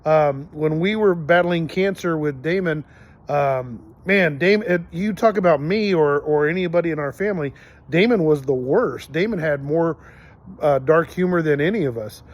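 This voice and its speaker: A man's voice: fairly high pitch, moderate pace, lo-fi sound. A middle-aged man hosting a podcast, telling personal stories in an earnest, rambling way with many fillers and restarts. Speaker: podcast host. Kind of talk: casual storytelling monologue.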